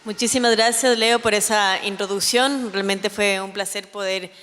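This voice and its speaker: A woman's voice: medium pitch, steady tone, normal speed, fairly bright tone, slight background noise. A woman from Ecuador giving a formal, earnest address as secretary of an ethics tribunal, with frequent fillers and restarts. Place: legislative chamber hall. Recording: long hall reverb.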